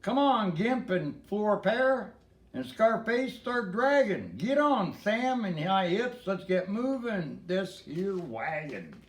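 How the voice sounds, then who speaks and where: A man's voice: sits high, sing-song, takes it slowly, reverberant, voice pushed up, full character voice. A man voicing a fat old cowboy Santa, hollering orders in a storybook reading. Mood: bossy hollering. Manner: hollering commands. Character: Santa as a fat old Texan cattle boss, bellowing.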